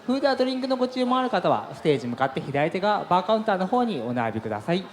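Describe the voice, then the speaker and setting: A man's voice: high-pitched, very animated, racing, echoey room, a faint crowd. A man giving formal, courteous announcements to guests at a crowded event venue. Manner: formal, courteous customer-service phrasing.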